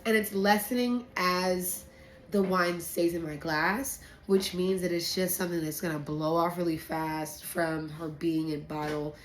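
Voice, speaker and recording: A woman talking casually as a sommelier explaining a tasting, with a playful, slangy, sweary manner. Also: on the low side. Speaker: sommelier presenting a blind wine tasting. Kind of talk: casual explanatory chat to camera. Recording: roomy echo, faint background noise.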